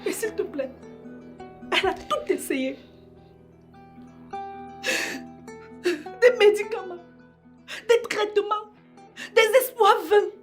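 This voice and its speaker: A woman's voice: very high-pitched, expressive, slow pace, long pauses, faint music behind, exaggerated voice. A tearful pleading young woman. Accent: Cameroonian French. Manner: tearful, pleading, breaking into sobs. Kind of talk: emotional web-series drama acting.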